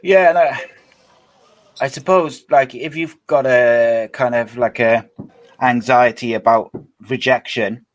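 Bloke doing a podcast interview, normal pitch, chatty and loose with his questions. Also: fairly even intonation, slow pace, no echo. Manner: informal, frequent "like" and tag questions. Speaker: podcast host. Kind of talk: casual conversational interviewing.

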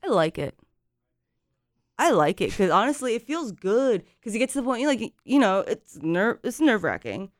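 A woman's voice: medium pitch, big pitch swings, normal speed, no echo, clean studio sound. A young woman who grew up in Japan, a musician in casual conversation, rambling with lots of fillers and an anxious edge. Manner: rambling, filler-heavy, laughs often. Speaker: musician guest. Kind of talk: casual chat.

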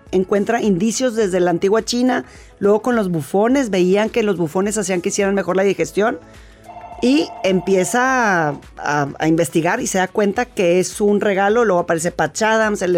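A woman's voice: mid-range voice, moderate pace, darkish tone, faint music behind. A Mexican woman, a laughter therapy expert, telling her story as a guest in a conversational interview, chatty and full of restarts.

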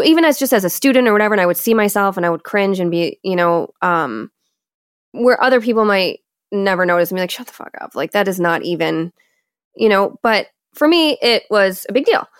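A woman's voice: on the low side, lively intonation, moderate pace, clear, resonant tone, no room sound, clean studio sound. A woman with a Great Lakes accent from Michigan, interviewing in a casual, candid, self-reflective way. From Michigan, United States. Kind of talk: casual, personal conversation.

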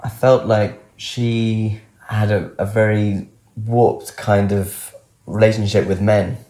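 A man in his late twenties speaks through a disguising filter that drags his voice very deep and dark. He talks in a flat, reflective way, halting as he searches for words. The sound carries a roomy echo. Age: late 20s. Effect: voice disguised, altered deep to hide identity. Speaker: guest telling his own story. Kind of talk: candid personal account.

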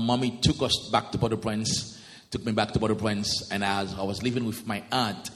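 Casting note: late-thirties man from Haiti, deep-ish voice, earnest guest pastor testimony, reverberant hall. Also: fairly bright tone, slight background noise. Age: 30s. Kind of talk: interview testimony in church.

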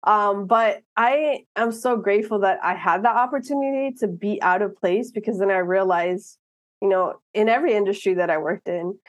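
A woman in her thirties from Miami, talking as a guest in a casual interview, earnest and animated, often restarting her sentences. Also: mid-range voice, moderate pace, dry recording. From Miami, United States.

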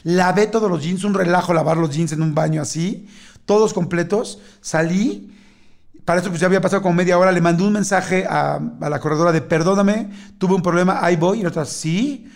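A man's voice: high-pitched, brisk, vocal fry. A middle-aged man with a Mexican accent, telling a story in casual chat and acting out the other people's lines. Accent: Mexican Spanish. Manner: animated storyteller acting out dialogue.

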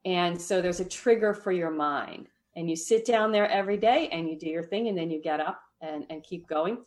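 A woman's voice: lowish voice, normal speed. Woman explaining meditation habits. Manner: explanatory, often tags "right?", light laughs. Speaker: meditation teacher guest. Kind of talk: podcast interview.

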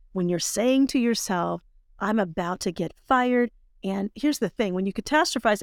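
A woman in the host's chair of a coaching podcast, speaking with steady conviction at a middle pitch. She leans on repetition and stretches certain words to drive points home. The sound is close and dry, with no room around it. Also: no echo. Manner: emphatic, repeats key phrases, speeds up and slows down to stress words. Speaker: podcast host and life coach. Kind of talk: motivational coaching podcast talk.

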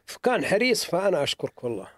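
Middle-aged man, sore throat, earnest storyteller; quick delivery, close dry sound. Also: high voice, sing-song, a bit bright, no room sound. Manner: earnest, storytelling, repeats himself for emphasis. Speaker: museum owner. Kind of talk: casual interview talk.

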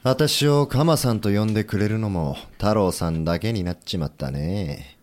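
In a historical audio drama, a man lightly acts the part of an earnest, humble, idealistic rebel government leader. His fairly low, darkish voice is measured, sincere and formal, with a subdued mood.

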